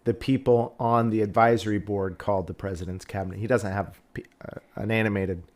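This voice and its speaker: A man's voice: on the low side, fairly even intonation, fairly quick. A man hosting a casual live stream who rambles through a jokey story. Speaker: host.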